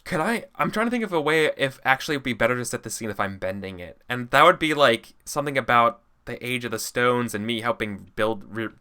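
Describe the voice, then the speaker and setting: Casting: male game player, crisp forward voice, tentative, improvising casually out loud. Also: medium pitch, lively intonation, fairly quick, hardly any pauses. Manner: tentative, thinking aloud.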